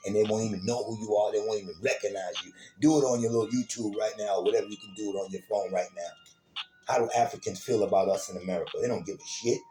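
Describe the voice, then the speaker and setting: A man's voice: on the low side, warm tone. A man giving an informal, streetwise lecture as host of his own program, cursing freely, repeating words and calling to his listeners as y'all. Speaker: self-styled teacher of an online program.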